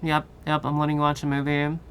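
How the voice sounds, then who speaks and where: A woman streamer chatting casually with her viewers, tired and relaxed, swearing now and then. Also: deep voice, quick pace, slight background noise. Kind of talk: casual chat with live viewers.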